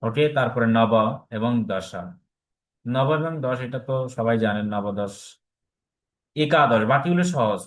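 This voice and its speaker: পুরুষ শিক্ষক, ধীরে ধীরে শব্দ উচ্চারণ করে শেখাচ্ছেন. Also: male voice, mid-range voice. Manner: patient, repeats each word slowly for students to copy. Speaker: Sanskrit teacher. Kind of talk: online class teaching.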